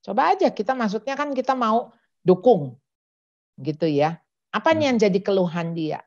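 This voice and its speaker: A woman's voice: medium pitch, very animated, normal speed, a little mellow. A woman giving a parenting seminar talk, acting out parent-child dialogues. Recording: dull lo-fi recording.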